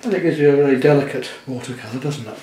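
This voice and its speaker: Gentle man teaching watercolour. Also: medium pitch, rapid-fire, echoey room, a little hiss or hum. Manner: gentle, chatty, thinking aloud while painting. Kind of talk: painting demonstration narration. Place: indoor studio at the easel.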